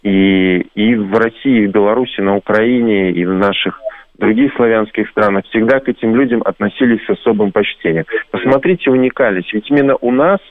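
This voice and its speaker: A man from Belarus, a radio guest who explains patiently and slowly spells out sounds as examples. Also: lowish voice. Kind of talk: radio conversation. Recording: tinny phone-like line.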